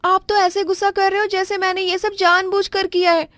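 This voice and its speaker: Woman doing a high-voiced lying young wife. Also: little pitch movement, brisk, a bit bright, no echo, studio quality. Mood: pleading. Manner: high, pleading, fibbing with stammers.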